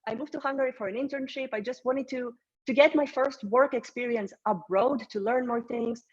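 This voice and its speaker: A woman's voice: fairly high pitch, fairly quick, breathy edge, highs cut off. A woman in her thirties from Greece, a career strategist presenting a webinar in an encouraging, conversational way with fillers and restarts.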